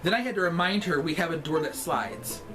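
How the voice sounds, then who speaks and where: A man reads a comic story in a sassy drag queen manner, his voice sitting fairly high. He times each phrase deliberately and leans on key words, with some music in the recording. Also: animated. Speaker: storyteller reading aloud. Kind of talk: scripted comic storytime reading.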